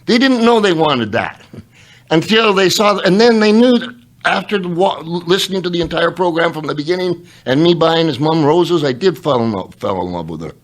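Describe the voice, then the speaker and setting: A man with a somewhat high voice hosts a casual podcast conversation. He tells wrestling stories in an animated, rambling way, often doubling back mid-sentence. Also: moderate pace. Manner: animated, rambling storyteller with many restarts. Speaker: podcast host; former pro wrestler. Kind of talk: casual interview chat.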